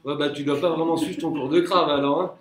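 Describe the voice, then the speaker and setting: A man teaching a relaxed live workout class at home, counting reps aloud and joking with viewers. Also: on the high side, a little fast. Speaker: Krav Maga instructor. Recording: echoey room, from far off.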